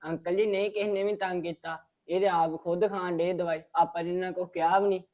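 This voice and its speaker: Fast earnest man, dull lo-fi sound. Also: sits high, level tone. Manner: earnest and explaining. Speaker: son in a family drama. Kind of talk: Punjabi family web drama acting.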